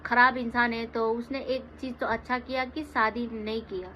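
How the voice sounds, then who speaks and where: Very fast, bright, and forceful yet flat in delivery, a high-voiced Nepali-accented woman hosts a playful, casual livestream in English mixed with Hindi. The sound is dull lo-fi with clear background noise.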